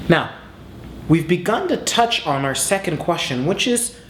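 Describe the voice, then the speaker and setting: A man giving explanatory chess commentary as an instructor, talking through moves in a measured, informal teaching manner. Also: fairly high pitch, roomy sound, slight background noise.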